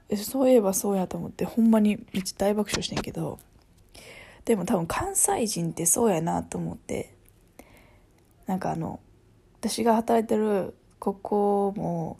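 Husky Kansai woman chatting casually. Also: mid-range voice. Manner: rambling, often drops to a soft half-whisper. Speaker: vlogger. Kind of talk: casual chat.

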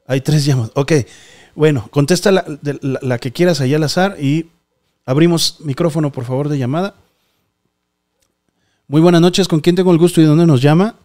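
A man with a Mexican Spanish accent hosting a live call-in show, taking callers' stories in a brisk, courteous way. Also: a little high, a little mellow. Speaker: host taking calls.

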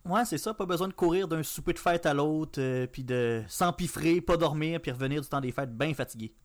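A man with a Québécois accent co-hosting a morning podcast, joining in with lively, casual remarks. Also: on the high side, fairly quick. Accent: Québécois French. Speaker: podcast co-host. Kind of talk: casual radio panel discussion.

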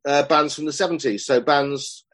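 A man's voice: medium pitch, moderate pace, a bit bright. A man in his fifties chatting as a guest, rambling and self-deprecating as he recalls running club nights. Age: 50s. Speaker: guest, club promoter and songwriter. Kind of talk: casual chat.

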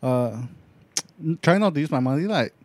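A man's voice: medium pitch, animated, normal speed, dry recording. A man with a Singaporean accent chats casually as a podcast co-host in colloquial Singlish, using local slang and sentence particles. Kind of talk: casual chat.

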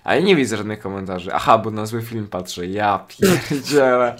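A man's voice: lowish voice, lively intonation, normal speed, fairly bright tone. A man co-hosting a casual podcast, joking around, swearing freely and pleading for subscribers. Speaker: podcast co-host and channel owner.

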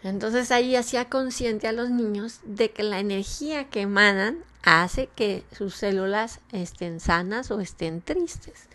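A woman from Mexico with a Mexican Spanish accent, speaking in a casual, rambling monologue to listeners, with many fillers and frequent small laughs. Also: on the high side.

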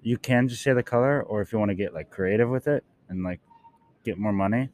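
A man's voice: lowish voice, brisk, darkish tone. A man co-hosting a casual podcast at an airport gate, laid-back, slangy and profane. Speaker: podcast co-host. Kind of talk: casual chat.

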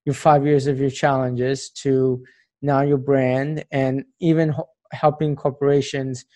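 A man's voice: medium pitch, little pitch movement, unhurried, mellow. A man interviewing a guest, encouraging her with frequent "mm-hmm" prompts and sums up her points. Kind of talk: interview questions.

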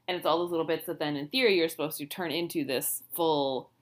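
A woman's voice: sits low, fairly even intonation, fast. A woman co-hosting a book podcast in casual chat, laughing often and trailing off mid-sentence. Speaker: podcast co-host; writer.

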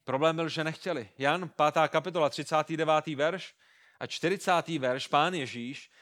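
High-voiced man preaching a sermon. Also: a bit bright. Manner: emphatic, rhetorical questions, repeats words. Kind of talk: expository sermon.

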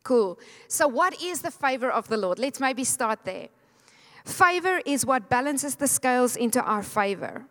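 A middle-aged woman preaches with fervent conviction, her fairly high voice pressing the congregation to answer back. Her words ring out with the long reverb of a church sanctuary. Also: animated, measured pace, a bit bright. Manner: fervent, exhorting, leads the congregation in call and response. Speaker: pastor. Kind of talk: sermon.

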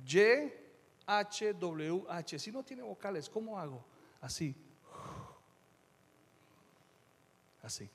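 A middle-aged man preaching a sermon as pastor, emphatic, moving between quiet asides and loud declarations. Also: sits high, expressive, slow, gravelly, long reverb tail, slight background noise.

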